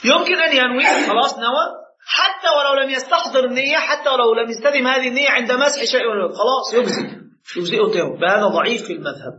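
Male sheikh, emphatic lecturer, high and brisk; echoey, lo-fi room sound. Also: bright, forceful tone. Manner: emphatic, with rhetorical questions and frequent laughs. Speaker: sheikh teaching Shafi'i jurisprudence. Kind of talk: classroom lecture with questions.

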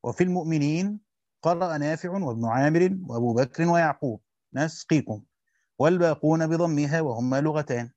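A man with an Egyptian accent reads a Quran commentary aloud quickly as a teacher. He stops to explain grammar and quizzes his students. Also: a little high, darkish tone, no echo. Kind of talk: fast classical Arabic reading with colloquial explanations. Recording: dull lo-fi dry recording.

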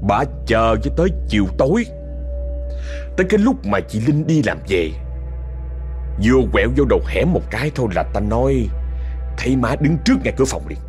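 A man's voice: medium pitch, very animated, a little fast, pauses often, darkish tone, faint music behind. A man with a Southern Vietnamese accent telling a story in a chatty, casual way, speaking directly to listeners.

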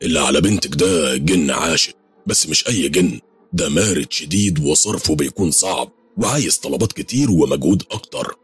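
Sinister Egyptian sheikh, stern and commanding, played by a man, very deep and husky. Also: expressive, a little fast, faint music behind, heavily acted.

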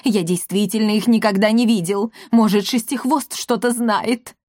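Lady doing a whiny hoarse crook guy, sneaky and scared, dry close sound. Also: medium pitch, moderate pace, a little mellow, no room sound, natural voice. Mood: whining. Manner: wheedling, hoarse pleading. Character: scheming cowardly male swindler, whiny.

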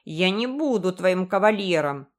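A woman voicing an angry young boy who shouts threats, in a storybook reading. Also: on the low side, animated, unhurried. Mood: furious.

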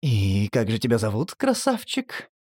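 A man's voice: medium pitch, wildly swooping pitch, unhurried, a little mellow, slightly rough, dry recording, clean studio sound, heavily acted. A man voicing a predatory female creature who purrs and snarls. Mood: seductive. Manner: purring, then snarling.

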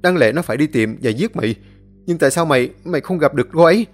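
Bitter young male disciple, loud and accusing, husky; a man doing the voice in a story reading. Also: medium pitch, sing-song, fast talker, soft background music. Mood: panicked. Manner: accusing, harsh and raised. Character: bitter young male sect disciple, resentful and hot-tempered.

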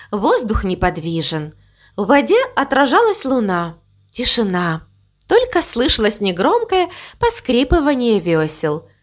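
A woman calmly narrating a children's story in a gently expressive way. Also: mid-range voice.

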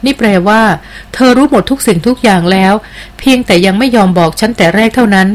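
A woman's voice: a little high, fast talker, close to an everyday voice. A woman reading a bold, teasing young heroine. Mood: insistent. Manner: teasing and insistent. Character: bold, playful young woman demanding answers. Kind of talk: audiobook character reading.

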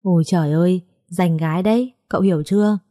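A woman's voice: on the low side, fast, warm tone, no room sound, clean studio sound, close to an everyday voice. A woman reading a blunt, exasperated young surgeon.

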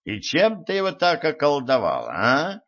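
A man's voice: fairly high pitch, wildly swooping pitch, a bit bright, voice pushed up, heavily acted. A man doing a sneering cool-headed rich husband. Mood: mocking. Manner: mocking, unhurried, emphatic. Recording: muffled lo-fi recording.

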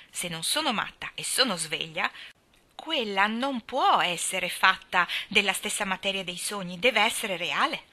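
A woman voicing a lively, earnest teenage girl. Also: medium pitch. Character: imaginative, impulsive red-haired teenage girl.

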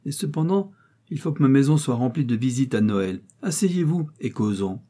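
Man reading as a cranky old rich gent, bossy and impatient, low mellow voice, storybook style. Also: animated, moderate pace, slightly rough. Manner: commanding and impatient. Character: old, ailing, irritable wealthy gentleman. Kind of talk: audiobook character reading.

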